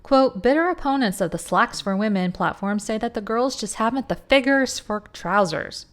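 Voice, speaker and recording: A woman's voice: medium pitch, animated, normal speed. A woman hosting a history channel, reading quotes from old fashion articles and cutting in with sarcastic asides. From rural upbringing. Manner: sarcastic asides between quotations.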